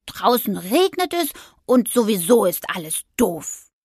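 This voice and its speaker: A woman's voice: mid-range voice, sing-song, measured pace, darkish tone, breathy edge, no echo, studio quality. A woman voicing a bored, sulky little girl in a children's audio story, complaining in a whiny tone. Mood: glum.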